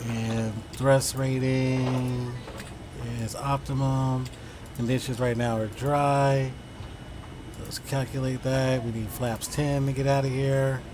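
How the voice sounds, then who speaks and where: A man's voice: medium pitch, little pitch movement, slow pace. Man muttering casual flight-sim commentary over noise. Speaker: flight simulator streamer. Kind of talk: casual gameplay commentary, thinking aloud through procedures. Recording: clear background vehicle-like noise.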